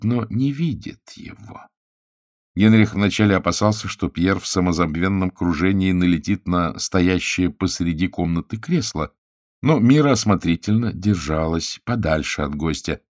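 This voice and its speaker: A man narrating an audiobook in a measured, expressive reading. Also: low-pitched, dry recording, clean studio sound. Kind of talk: scripted narration.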